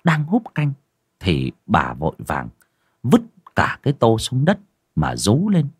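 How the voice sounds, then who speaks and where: A man's voice: on the low side, wildly swooping pitch, slow, slightly rough, dry recording, clean studio sound. A man reading a horror story aloud in a dramatic, suspenseful narration style. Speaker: audiobook narrator.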